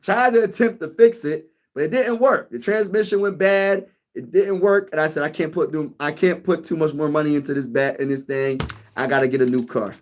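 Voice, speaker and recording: Fairly high-pitched and fairly quick, a man hosts a YouTube sports channel in a casual live-stream chat. He rambles, repeats phrases and keeps calling listeners "bro."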